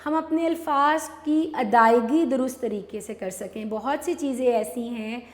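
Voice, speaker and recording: A Pakistani woman teacher, her voice a little high, gives a recorded online lesson, patiently explaining step by step and posing questions she then answers herself. The room is echoey with long reverb.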